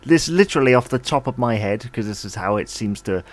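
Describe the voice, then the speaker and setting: A man's voice: medium pitch, lively intonation, fairly quick. A man hosting a podcast, introducing quiz rounds in an easygoing, casual way. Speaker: podcast host.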